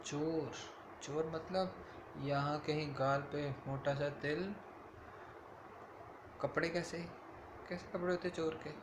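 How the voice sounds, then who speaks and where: Dad telling a story to his kid, slightly high voice, echoey room with faint hum. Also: fairly even intonation, takes it slowly, pauses often. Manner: casual, explains to the child as he goes. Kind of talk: bedtime storytelling to a child.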